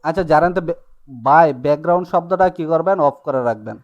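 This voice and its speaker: A man teaching an online language class, his voice a little higher than most men's. He walks through examples patiently and keeps checking that the students are with him. The sound is dull and lo-fi, like a video call. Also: animated. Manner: explains slowly with many checks like "ঠিক আছে?" and "নাকি?". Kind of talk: live online class taught in Bengali.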